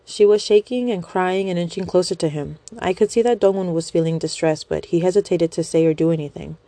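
A woman reading a first-person dramatic story in a measured, earnest way. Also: lowish voice, warm tone, dry recording.

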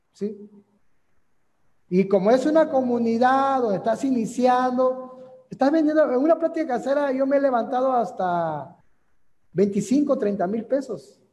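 A man giving an energetic motivational sales training talk, often checking in with the audience. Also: sits high, big-room sound. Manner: energetic, repetitive, asks for agreement ("¿sí?").

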